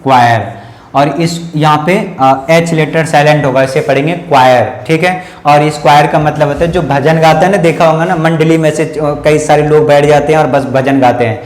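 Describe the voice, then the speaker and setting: A man with an Indian accent teaching at a slow, repetitive pace. His voice sits a little high, and he keeps quizzing the listener, then answering his own questions. The room around him is echoey. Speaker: English teacher. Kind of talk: Hindi classroom-style lesson on English pronunciation.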